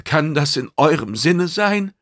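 A man's voice: on the high side, lively intonation, measured pace, fairly bright tone, no echo, studio quality, pitched above the performer's own voice. A man voicing a diplomatic male mediator who soothes both sides in an audiobook.

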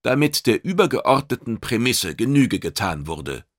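A man voicing a calm, clever male hero who argues with cool logic in an audiobook. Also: medium pitch, moderate pace, no room sound, clean studio sound, voice pushed up. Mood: persuasive. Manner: patient, reasoning, restrained.

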